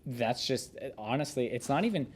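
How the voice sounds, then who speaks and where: A man's voice: mid-range voice, normal speed, slightly rough. A man hosting a podcast, reading a memoir aloud and then chatting casually with restarts and fillers. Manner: relaxed, rambling, with frequent fillers and restarts. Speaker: podcast host.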